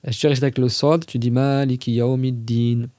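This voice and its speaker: Warm-toned man teaching casually. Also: medium pitch, no echo. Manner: conversational, recites Arabic verses slowly and carefully. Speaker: religious teacher on a podcast. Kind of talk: casual explanatory lesson.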